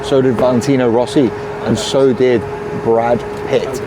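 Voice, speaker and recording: Young man talking to camera in a casual vlog, upbeat and loose, sprinkling in swear words and laughs. His voice sits at an ordinary middle pitch, with street and traffic noise audible clearly behind him. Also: little pitch movement, a little slow. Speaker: DJ and vlog host.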